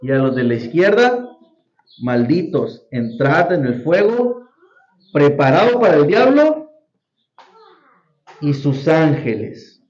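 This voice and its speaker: A man's voice: fairly high pitch, very animated, takes it slowly, long pauses, a little mellow. A man teaching a Sunday school Bible lesson to a congregation, often quizzing the class with questions. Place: church hall. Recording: roomy, dull lo-fi church recording.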